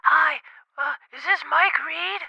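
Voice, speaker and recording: Man doing a shrill, raspy, dopey caller, hesitant and whiny, on a dull phone line. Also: rapid-fire, no echo, heavily acted. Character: high-pitched dim male caller.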